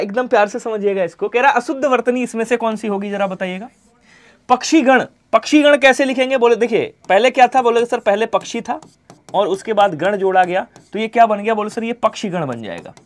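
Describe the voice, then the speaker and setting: A man teaching an online Hindi exam-prep class, who answers his own questions in the voice of his students and lets the ends of his sentences fall quiet. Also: high voice. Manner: repeats answers in imagined student replies, drops to quiet trailing endings.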